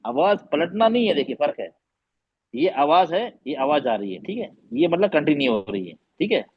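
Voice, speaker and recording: Husky teacher patiently drilling letter sounds. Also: male voice, fairly high pitch, very animated, normal speed, lo-fi sound. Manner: patient, repeats letter sounds for students to echo. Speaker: Quran recitation teacher. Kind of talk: online tajweed class.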